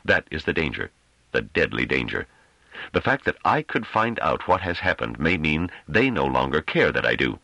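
A man reading an audiobook, voicing a male councillor who argues in a grave, measured and sardonic way. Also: very deep voice, sing-song, vocal fry, sharp tone, dry recording, exaggerated voice. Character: calm sardonic male councillor defending himself.

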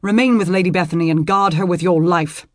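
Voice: medium pitch, steady tone, a little fast, no room sound, studio quality, lightly acted. Narrator voicing a curt, commanding medieval lord.

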